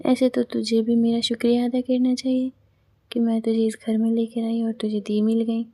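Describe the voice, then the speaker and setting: A woman voicing a cheeky, sassy young woman in a read-aloud story, mock-scolding her friend in a slightly high, mellow voice. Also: monotone, moderate pace, no echo.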